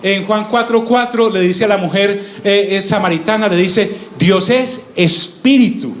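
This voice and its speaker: A man's voice: high voice, fairly even intonation, normal speed. A male pastor, preaching a sermon and teaching through call-and-response questions he answers himself. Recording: echoey room with faint ambience.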